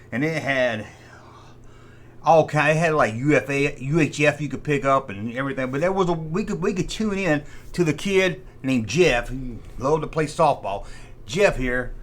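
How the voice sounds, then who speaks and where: A man with a fairly high, slightly bright voice hosts a vintage toy show. He chats casually and nostalgically, rambling about collectible toys and often repeating himself.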